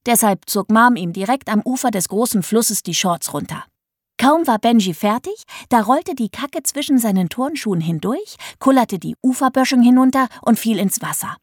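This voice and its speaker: A woman's voice: medium pitch, a little mellow, dry recording, studio quality. A woman narrating a funny first-person children's story in a playful voice and speaking straight to young listeners. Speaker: audiobook narrator.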